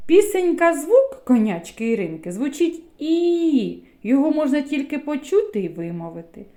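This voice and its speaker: A woman teaching a phonics lesson to small children, speaking slowly and clearly in a sing-song way. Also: high-pitched, big pitch swings, dark tone. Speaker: preschool teacher.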